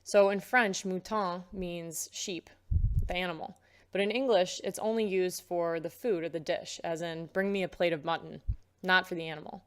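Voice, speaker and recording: Woman lecturing with a smooth, clear voice. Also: on the low side, steady tone, a little fast. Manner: explanatory, frequent um fillers. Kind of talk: recorded lecture.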